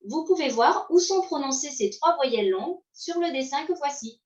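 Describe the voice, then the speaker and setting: A woman giving a slow pronunciation lesson, modeling sounds and pausing for learners to repeat. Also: high voice, expressive. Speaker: English pronunciation teacher. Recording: roomy, distant, dull sound.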